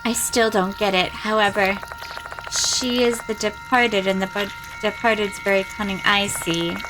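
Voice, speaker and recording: A woman's voice: medium pitch, steady tone, a little slow, noisy background. A woman game streamer who reads story text aloud dramatically and breaks off into casual, blunt, sweary commentary. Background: game music behind the voice.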